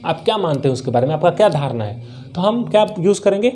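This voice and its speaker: Indian accent वाला एक पुरुष अंग्रेज़ी शिक्षक, जो हिंदी में अंग्रेज़ी पढ़ाता है, बार-बार सवाल पूछकर ख़ुद जवाब देता है और मुख्य शब्द दोहराता है।. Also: male voice, on the high side, lively intonation, fast talker, mellow, soft background music. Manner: asks questions and answers them himself, repeats key words. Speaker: English teacher. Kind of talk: spoken English lesson in Hindi.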